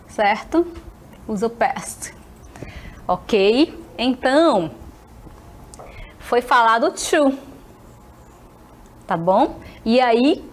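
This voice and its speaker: A fairly high-voiced woman teaches English on television, friendly and attentive. Short tags let her check in with her students constantly, and she takes each phrase slowly so she can model it with care.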